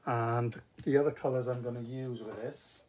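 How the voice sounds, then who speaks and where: A man with a Welsh accent talks through a hands-on craft tutorial in an informal, step-by-step way. His voice sits at an average pitch. The recording carries noticeable noise and small clicks behind him. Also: steady tone, normal speed, a little mellow. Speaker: craft demonstrator. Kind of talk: casual live craft tutorial. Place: indoor craft table.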